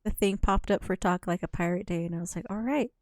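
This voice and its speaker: A woman's voice: lowish voice, level tone, fast, a little mellow, no room sound, studio quality. A woman streaming a game from home, rambling casually and laughing often between thoughts. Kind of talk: casual gameplay commentary. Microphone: desk microphone with headphones.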